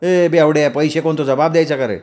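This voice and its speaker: A man's voice: fairly high pitch, steady tone, fast, darkish tone, voice pushed up, close to an everyday voice. A man voicing an irritable sweet-shop owner who snaps and scolds a customer, his voice raised. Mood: yelling. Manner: snapping, scolding. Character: gruff middle-aged male sweet-shop owner, irritable.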